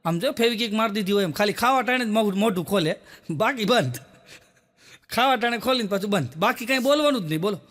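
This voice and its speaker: A man's voice: high voice, fast. A young man telling stand-up jokes, acting out the voices of the people in his stories. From Gujarat, India. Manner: lively storytelling, acts out quoted voices. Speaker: stand-up comedian.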